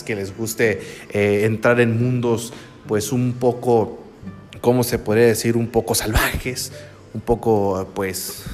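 A young radio announcer from Sinaloa, Mexico, speaks with a northwestern Mexican Sinaloan accent in a casual first-person chat on his podcast, rambling a bit with fillers and laughs. His voice is medium-pitched and sounds like it's in a big room.

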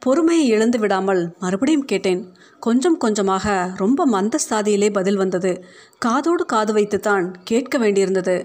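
A woman's voice: medium pitch, lively intonation, moderate pace, a little mellow. Woman reading a short story aloud. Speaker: story reader. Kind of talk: scripted narration of a short story.

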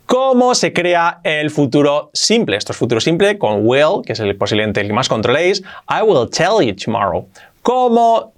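A man with a Spain Spanish accent teaching English as a video lesson, emphatic and repeating example sentences. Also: fairly high pitch.

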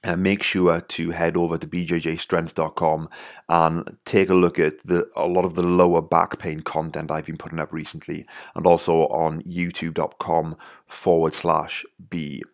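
A Welsh-accented man hosts a podcast, delivering a casual intro monologue in a deep, flat voice at normal speed. He says "you know" a lot and often restarts.

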